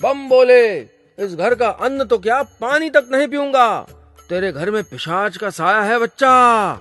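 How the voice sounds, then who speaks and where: Man doing a loud old holy man, matted hair, high booming voice, long drawn-out chants, soft music under it. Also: lively intonation, dry recording, heavily acted. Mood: thundering.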